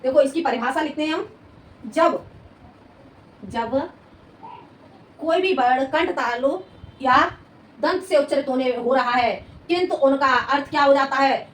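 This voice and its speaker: A woman teaching a Hindi grammar class, repeating words slowly as she dictates notes and asking her students rhetorical questions. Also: high voice. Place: coaching classroom. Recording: echoey room, mic at a distance, faint noise.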